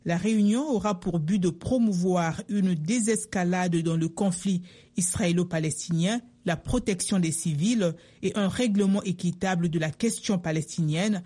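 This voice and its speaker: Husky low-voiced woman reading radio news. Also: a little slow, mellow. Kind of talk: read news bulletin.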